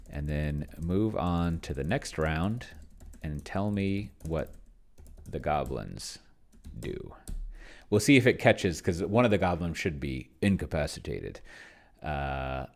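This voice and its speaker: A man hosting a solo tabletop roleplaying video talks through his game in casual, thinking-aloud commentary. His voice is low-pitched and darkish yet animated, a little slow, and he tends to mutter, trail off, and elongate words as he types, with keyboard clatter in the background.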